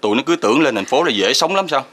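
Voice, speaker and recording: A man's voice: mid-range voice, quick pace. An actor playing a younger brother-in-law who teases and then bluntly advises the mother, in a TV drama. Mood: calm. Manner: teasing then calmly blunt. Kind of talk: TV drama acting.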